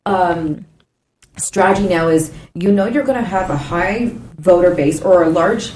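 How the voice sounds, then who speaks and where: A Canadian woman speaks on a studio panel about politics in a lowish voice. She is careful and hedging and sets out her points in order. The room sounds roomy, with a faint hum underneath. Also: unhurried, a little mellow. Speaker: panel guest. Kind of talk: casual political discussion. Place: radio studio.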